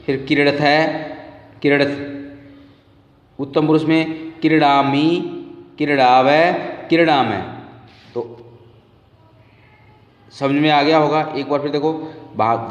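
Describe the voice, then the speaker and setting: A man teaching a class, patiently repeating word forms slowly for his students. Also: on the high side. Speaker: Sanskrit teacher. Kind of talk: classroom lesson. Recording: roomy, distant, dull lo-fi sound.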